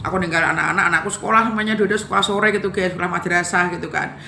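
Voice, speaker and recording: A woman's voice: fairly low pitch, fairly even intonation, racing, gravelly, bright, forceful tone, roomy sound, slight background noise. A middle-aged Javanese woman casually telling her life story to viewers, emotional and chatty, often calling out to her audience. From Java, Indonesia. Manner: conversational, repeats "guys" often, emotional retelling.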